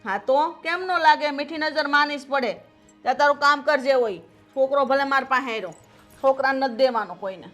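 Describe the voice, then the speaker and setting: High-voiced woman as a harsh mother-in-law, scolding, faint music behind. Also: a little fast, fairly bright tone. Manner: scolding, bossy; coos in baby talk to the infant. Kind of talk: Gujarati film drama acting.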